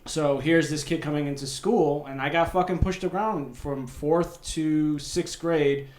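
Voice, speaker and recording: A man's voice: fairly high pitch, steady tone, unhurried, darkish tone, echoey room. A man who grew up in New York, telling stories bluntly in a casual podcast chat, swearing often.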